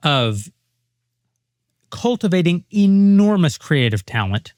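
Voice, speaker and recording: A man on a discussion panel, laying out an argument in measured, full sentences. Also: a little high, big pitch swings, darkish tone, dry recording.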